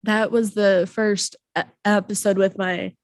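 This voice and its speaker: A woman co-hosting a casual chat podcast, getting over a cold, talking in slow, drawn-out phrases with many pauses. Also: mid-range voice, flat delivery, dry recording. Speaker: podcast co-host. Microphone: podcast microphone.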